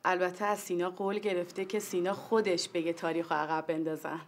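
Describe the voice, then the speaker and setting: A woman's voice: on the low side, fairly even intonation, slight background noise, lightly acted. A woman playing a polite visitor who hesitantly brings news. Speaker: visiting guest. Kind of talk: TV sitcom acting.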